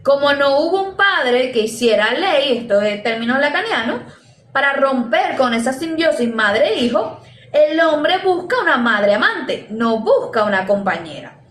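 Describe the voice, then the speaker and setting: A woman's voice: high voice, big pitch swings, unhurried. A woman with a Venezuelan Caribbean Spanish accent gives an informal lecture as a teacher, conversational and hesitant, often rephrasing and checking in with listeners. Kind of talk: informal lecture, explaining to students. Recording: echoey room with faint background noise.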